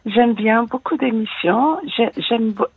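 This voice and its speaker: Caller, woman, 60s, faint American accent, raspy and halting, dry, phone-quality sound. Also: a little high, dry recording. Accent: slight American. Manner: hesitant, many fillers. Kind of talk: radio call-in confiding. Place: home in the United States. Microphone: phone line. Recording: tinny phone line.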